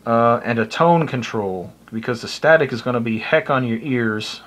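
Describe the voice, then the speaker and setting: This hobbyist video presenter is an American man from the United States walking through an unscripted, casual tutorial. He speaks at a moderate pace in a mid-range, fairly bright voice, explaining in a plain-spoken, somewhat hesitant manner.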